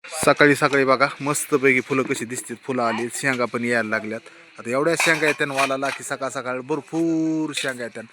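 A man's voice: medium pitch, steady tone, a little fast, noisy background. A young man chatting casually in a family vlog, talking to his children and wife as he walks around outdoors. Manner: chatty, talks to baby and family while walking around. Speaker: vlogger. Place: outdoors around a rural home and farm.

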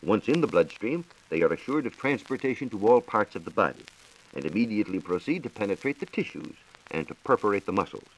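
On a hissy, low-quality 1940s radio transcription disc, an American science reporter talks fast in a lowish voice with big pitch swings. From the radio studio he delivers a formal, scripted science explanation in a declamatory manner.

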